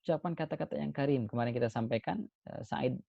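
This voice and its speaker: A male Islamic preacher giving a sermon, expressive, moving between emphatic points and soft, hushed asides. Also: mid-range voice, fast, creaky, no echo, lo-fi sound. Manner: expressive, swings between emphatic and soft hushed delivery, frequent pious exclamations.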